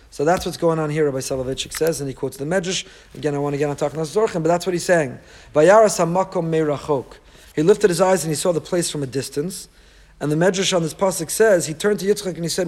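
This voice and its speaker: A man's voice: a little high, darkish tone. A man giving a rabbi's sermon to a class, emphatic, repeating key phrases and posing rhetorical questions. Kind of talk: sermon, Torah lecture to a live group.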